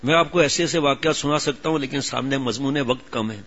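A man's voice: mid-range voice, fairly bright tone. A middle-aged man preaching a sermon, telling stories in an earnest, emotional way and acting out quoted dialogue. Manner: storytelling with acted-out quoted dialogue. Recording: dull lo-fi recording.

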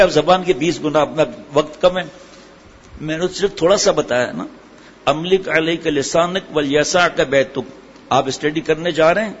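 A man's voice: on the high side, slightly rough. A middle-aged man preaching a sermon, asking his listeners questions and answering them himself. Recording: hall echo, dull sound, faint ambient noise.

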